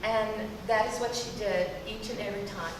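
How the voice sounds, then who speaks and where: A woman speaking as a production consultant, measured and deliberate. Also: mid-range voice, fairly even intonation. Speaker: consultant to the director. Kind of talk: panel remarks. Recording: distant reverberant hall with noise.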